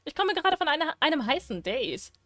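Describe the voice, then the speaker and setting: A woman reading out a letter as a cocky, joking young man, slowly and playfully. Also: sits high, big pitch swings, a bit bright, no echo, studio quality, voice pushed up. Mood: teasing.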